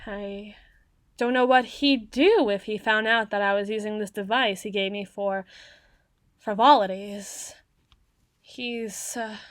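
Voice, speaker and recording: For an ASMR roleplay, a woman performs an acted monologue to the listener as a socially awkward, bookish tsundere girl in young adulthood. Her voice is fairly high and a bit bright, her phrasing wordy, halting and easily flustered. The recording is very close and dry with no room echo.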